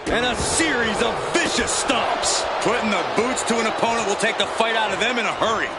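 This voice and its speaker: A man's voice: high-pitched, brisk, over loud music. A man calling wrestling play-by-play as a commentator, in a dramatic, emphatic delivery over a noisy arena. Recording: loud arena noise behind.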